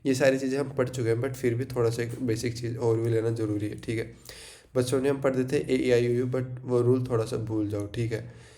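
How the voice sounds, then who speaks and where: A young Indian man gives an exam revision lecture in a warm, medium-pitched voice that's level in tone and a little fast. He mixes in English, often poses questions and answers them himself, and checks in with frequent "theek hai".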